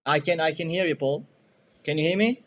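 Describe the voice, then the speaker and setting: A man's voice: a little high, brisk, fairly bright tone. A man on a patchy, bad video-call connection, calling out again and again to check he can be heard. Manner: calls out repeatedly to be heard. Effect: bad connection over a video call, far and patchy. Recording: distant video-call audio.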